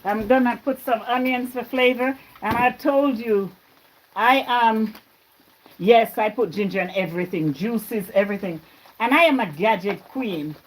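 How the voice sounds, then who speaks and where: In this casual cooking livestream from her home kitchen, a woman born in Jamaica chats with viewers as she cooks, speaking on the high side at a measured pace. The low-quality audio has a little hiss or hum, with frying and stirring sounds behind her.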